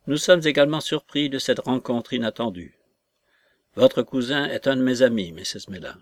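A man reading the part of a modest, generous young gentleman speaking firmly and earnestly. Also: mid-range voice, normal speed, dry recording, lightly acted. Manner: firm, earnest.

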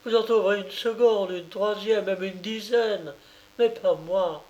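A man's voice: high voice, steady tone, measured pace, darkish tone, highs cut off, pitched above the performer's own voice. A man reading aloud as a poor peasant mother, tearful, pleading and indignant. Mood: bitter. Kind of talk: audiobook character reading.

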